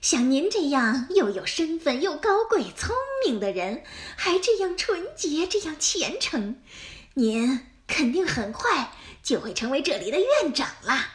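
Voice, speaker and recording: A woman voicing a sly, scheming male fox in a children's story, flattering and coaxing in a sugary way. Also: on the high side, a little slow.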